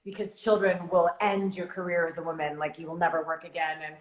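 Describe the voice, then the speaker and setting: Canadian actress over an echoey video call. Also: female voice, on the low side, little pitch movement, fairly quick. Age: 30s. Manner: chatty, many restarts and fillers. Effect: heard over a video call. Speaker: actress guest. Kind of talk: casual interview chat.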